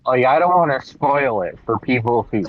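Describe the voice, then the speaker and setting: A man's voice: medium pitch, animated, moderate pace. A man in casual, joking chat on a game stream, his voice muffled as if through a wall from inside a car. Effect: muffled, dull sound, as if through a wall.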